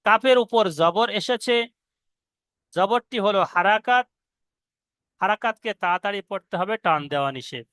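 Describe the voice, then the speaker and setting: A man teaching Quran reading to students, spelling out each letter and syllable slowly. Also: high voice, animated, bright, forceful tone, clean tone, dry recording. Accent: Indian Bengali. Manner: slow, drawn-out syllable-by-syllable spelling. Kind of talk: spelling-out recitation lesson.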